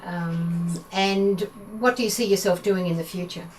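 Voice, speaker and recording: A woman asking interview questions in a gentle, prompting way. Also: fairly low pitch, steady tone, a little slow. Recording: distant mic, faint hiss.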